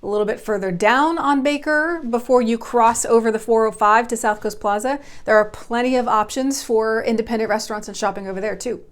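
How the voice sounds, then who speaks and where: A bubbly woman in her thirties, talking straight to camera as a realtor and channel host. Her voice sits a little high for a woman, and she gushes with excitement in an upbeat, casual vlog manner. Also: fairly quick, few pauses. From Oklahoma. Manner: bubbly, gushing. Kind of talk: enthusiastic vlog talk.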